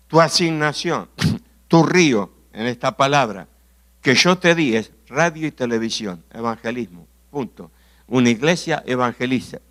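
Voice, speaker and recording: A man's voice: mid-range voice, pitched below the performer's own voice, lightly acted. A man preaching voices God as a stern, commanding male divine figure who repeats his orders firmly. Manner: firm, repetitive commands.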